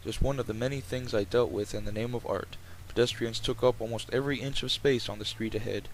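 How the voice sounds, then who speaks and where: A man's voice: medium pitch, steady tone, a little fast, rough recording. A man reading game text aloud in an informal way, with casual joking asides. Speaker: let's player reading a visual novel aloud. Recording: clear background noise, game ambience.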